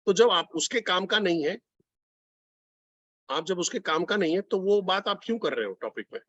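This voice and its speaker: A man's voice: high-pitched, expressive, normal speed, fairly bright tone, no room sound, highs cut off. A man running an online sales training session, coaching listeners directly and repeating key phrases.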